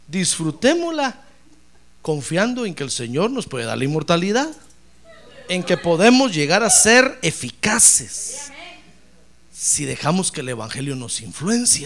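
Gravelly, lively-voiced male preacher. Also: fairly high pitch. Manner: impassioned preaching, repeatedly addressing listeners as brother. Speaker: pastor. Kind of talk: sermon.

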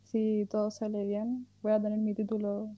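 A woman's voice: medium pitch, completely flat delivery, normal speed, no room sound, dull audio. A woman in her early twenties with a Chilean accent, co-hosting a casual podcast with jokes and frequent laughter. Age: 20s. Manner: joking, self-mocking, laughs often. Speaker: podcast co-host.

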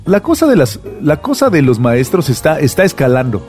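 Casting: co-host, lively pitch, jokey banter, faint music bed. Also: male voice, a little fast. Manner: joking, chatty. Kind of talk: casual comedy talk show.

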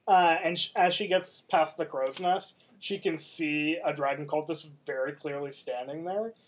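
A woman game master with a slightly low-pitched voice guides the players through a tabletop session. She gives quick, matter-of-fact rulings and narrates the scene, peppering her speech with "uh" and "yeah.".

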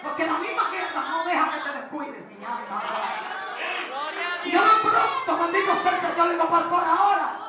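A woman preacher, delivering a fervent sermon that swings between shouting and hushed testimony. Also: extremely high pitch, lively intonation, normal speed, a loud crowd, heavy background noise. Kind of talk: Pentecostal-style sermon. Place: large church hall. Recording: very echoey hall, distant mic, congregation.

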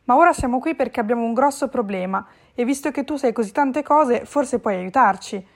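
A woman voicing a calm, kindly male cat who speaks slowly and low.

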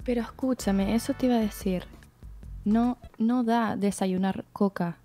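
A woman's voice: mid-range voice, mellow, faint music behind. Teasing woman on a call. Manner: teasing, quick banter. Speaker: guest. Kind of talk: casual chat.

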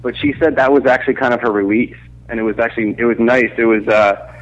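A man's voice: mid-range voice, steady tone, fast talker. A man calling in over the phone as a guest interviewer, chatting casually with some fillers. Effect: heard over the phone. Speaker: guest caller, entertainment interviewer. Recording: dull lo-fi phone audio.

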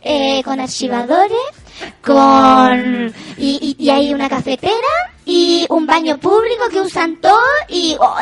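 A woman voicing a brash, unfiltered young female cousin who works in retail, with a Chilean accent and crude slang, hosting a comedy stream. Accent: Chilean Spanish. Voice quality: shrill, loud, laughing, crude slang. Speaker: comedy stream host reading chat. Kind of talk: improvised comedy character.

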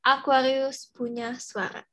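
A teenage young woman with a soft, non-rolled R, chatting casually and informally as a podcast co-host. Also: sits high, flat delivery, slow pace. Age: teens. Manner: chatty, informal, slang with English mixed in.

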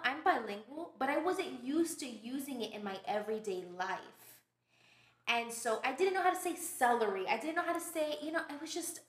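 A woman from Brooklyn, a podcast guest telling stories in casual, animated chat. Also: on the high side. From Brooklyn, New York. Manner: animated storytelling, laughs often. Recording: roomy echo.

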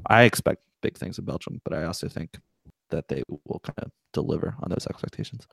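A man with a very deep, gravelly voice, speaking in a dry, close recording. He co-hosts a podcast in easy, casual chat full of filler words. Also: lively intonation, a little fast, no echo. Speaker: podcast co-host. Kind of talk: casual sports discussion.

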